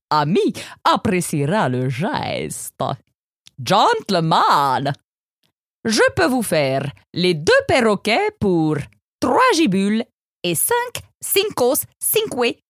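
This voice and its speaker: A woman voicing a smooth-talking male shopkeeper in a storybook, salesy and playful, sprinkling in foreign words. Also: medium pitch, dry recording, studio quality, heavily acted. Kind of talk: audiobook character voice.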